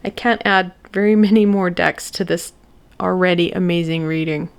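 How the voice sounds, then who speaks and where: A woman giving a spiritual oracle card reading to her viewers, talking in a gentle, encouraging way with thoughtful pauses. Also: fairly low pitch, steady tone, vocal fry, clear, resonant tone.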